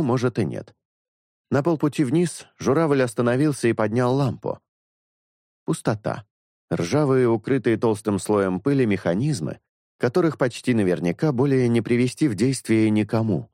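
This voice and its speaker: A man reading a novel aloud as narrator, in a measured storytelling manner that slows for dramatic phrases. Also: mid-range voice, mellow, no echo, studio quality. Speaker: audiobook narrator. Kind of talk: scripted literary narration.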